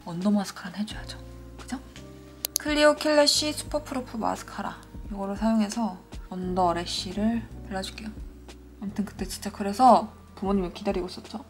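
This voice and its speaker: A woman's voice: mid-range voice, normal speed. A young woman in her twenties, a beauty vlogger, talking casually through a makeup tutorial and telling a story along the way. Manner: chatty, animated when storytelling, soft asides. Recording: faint music behind.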